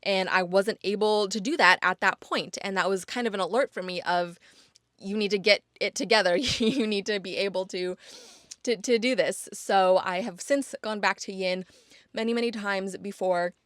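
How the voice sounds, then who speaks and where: Young woman podcast host, chatty and earnest, keeps repeating herself to drive it home, mid-pitch, dry close mic. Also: normal speed, fairly bright tone, no echo. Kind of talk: casual solo podcast monologue.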